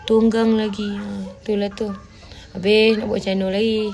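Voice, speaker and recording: Gravelly and darkish, this woman's medium-pitched voice holds a level tone at normal speed. She hosts a casual livestream with a Malaysian Malay accent, bluntly replying to viewers and scolding them in a Malay-English mix, often asking "faham tak?".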